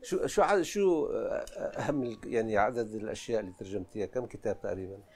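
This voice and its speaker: A man's voice: fairly low pitch, quick pace, darkish tone, husky. A man with a Levantine Arabic accent, interviewing in a conversational way.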